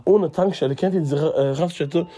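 A man's voice: fairly high pitch, fairly quick, warm tone. A man in his twenties telling a story casually to his viewers, chatty and direct. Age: 20s. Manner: chatty, addresses viewers as guys, fills with "ne?".

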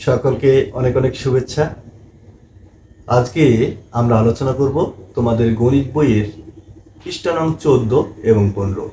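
A man teaching a math lesson for young children, patient and repetitive, counting slowly with fillers. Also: medium pitch, dark tone. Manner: patient, repeats words, slow counting with fillers. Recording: echoey room with faint noise.

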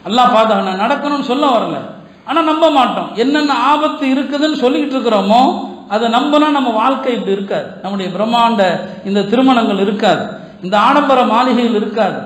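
A man's voice: extremely high pitch, a little fast, echoey room, rough recording. A man preaching an impassioned sermon who keeps asking his listeners rhetorical questions. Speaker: Islamic preacher. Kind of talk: Tamil sermon.

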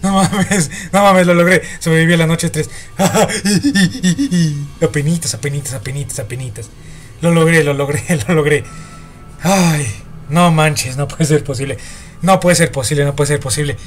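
A man's voice: on the high side, normal speed. A young man with a Mexican accent giving horror game commentary, jumpy and swearing as he talks to himself and his viewers. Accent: Mexican Spanish. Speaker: gaming YouTuber.

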